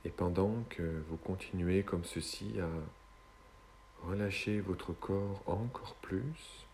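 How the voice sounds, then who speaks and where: A male hypnotist leads a guided relaxation in a deep, soft-toned voice. He speaks very slowly and soothingly, leaving long pauses between short phrases. A faint noise sits behind the voice.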